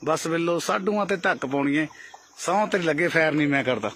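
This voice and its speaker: A man with a high, bright voice, chatting and teasing the people he meets. His talk is light and full of jokes. He is recorded outdoors in a field on a handheld camera. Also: animated, fairly quick, slight background noise. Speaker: vlogger. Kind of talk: casual chat.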